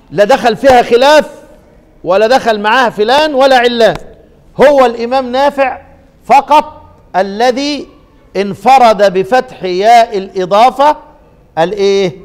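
An Egyptian man teaches a class on the Quranic readings in a fairly high voice. He keeps prompting students with half-finished questions and draws out each verse he quotes, and his voice carries a long reverb as if in a large hall. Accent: Egyptian Arabic.

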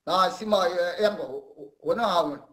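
A male host runs a live call-in stream in a fairly high voice. He lectures his callers in a condescending tone and keeps pausing to clear his throat. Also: bright, forceful tone.

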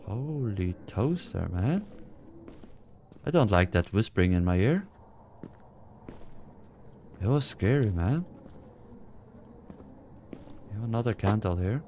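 A man's voice: lowish voice, sing-song, slow pace, pauses often, a little mellow, slight background noise. A man casually commenting as he plays a horror game, muttering to himself with jumpy, nervous asides. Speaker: let's play gamer.

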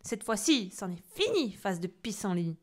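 A woman doing a huge, cranky storybook witch who bellows her threats and spits out silly insults. She is loud and gruff, and she sounds as if she is looming over a small child. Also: fairly high pitch, animated, moderate pace. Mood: furious. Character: grumpy huge female witch, insulting and menacing.

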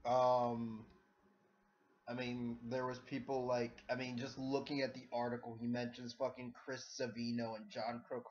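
A man's voice: mid-range voice, level tone, moderate pace, a little mellow, lo-fi sound. A man hosting a reaction livestream, exasperated, swearing often and laughing in disbelief. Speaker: livestream host.

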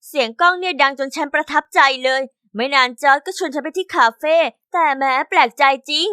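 A young woman narrating a first-person diary story in a chatty, expressive scripted style. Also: high voice, fairly quick, dry recording, studio quality.

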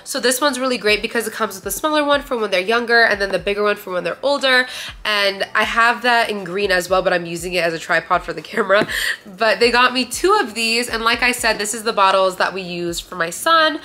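In this casual haul video shot in a bright living room, a young Romanian woman talks to the camera at a fairly quick clip. Her medium-pitched voice comes across pushed and bright, and she chats and gushes nonstop, with fillers everywhere and plenty of "like."

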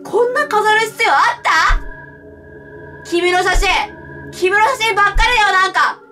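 A woman streamer playing a horror game, commenting with excitable, frightened reactions and shouts. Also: very high voice, moderate pace, distant mic, soft background music. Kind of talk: let's play commentary.

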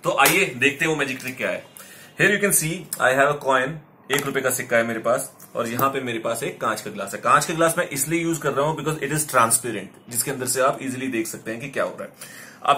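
A man's voice: mid-range voice, a little fast, bright, forceful tone. An Indian man in his thirties presenting in a showy, playful kids party magician style, mixing in English phrases, recorded in a home room. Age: 30s. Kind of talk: kids party magician patter, demonstrating a trick. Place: small home room, indoors. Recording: clear background noise with clicks.

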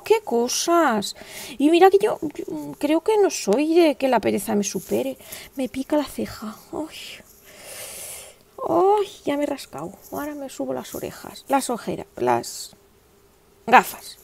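Woman in her forties, crochet vlogger, gravelly, chatty, rambling. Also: high-pitched, expressive, unhurried, a little mellow. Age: 40s. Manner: chatty, rambling and self-mocking. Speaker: crochet channel host. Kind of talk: casual chat while crocheting.

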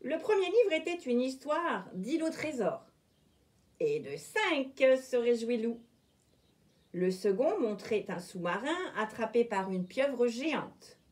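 A woman reads a children's storybook aloud at home with dramatic expression. Her voice is high, swinging widely through each sentence. She takes it slowly, letting every phrase land. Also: animated, a little mellow. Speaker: librarian.

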